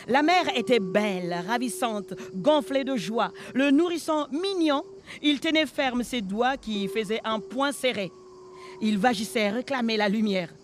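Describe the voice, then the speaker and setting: A restless ghost in a radio drama, haunted and solemn, his voice sitting high for a man. He takes his time over every phrase, unhurried and incantatory, like a storyteller calling up the past. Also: fairly bright tone, slight background noise. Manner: slow, solemn, incantatory delivery.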